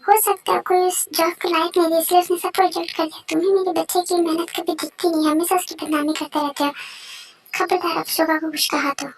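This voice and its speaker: A high voice doing a protective scolding mother. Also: level tone, brisk, faint music behind. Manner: sharp, scolding. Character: protective mother who defends her son.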